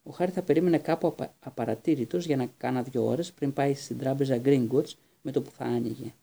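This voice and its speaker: A man narrating an audiobook in a steady reading manner, with occasional small restarts. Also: medium pitch, vocal fry. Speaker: audiobook reader.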